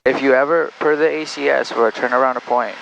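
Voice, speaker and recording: A gravelly-voiced man coaches as a flight instructor over a muffled cockpit intercom, with some engine noise behind him. His instructions are calm, directive and encouraging, laid out one step at a time. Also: mid-range voice, quick pace. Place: inside a small airplane in flight. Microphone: aviation headset.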